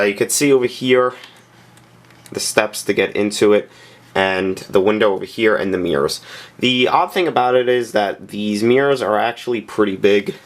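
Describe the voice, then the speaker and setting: A man narrating a casual, unscripted review of a scale model, speaking plainly with frequent pauses and filler sounds. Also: fairly low pitch. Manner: plain-spoken and candid.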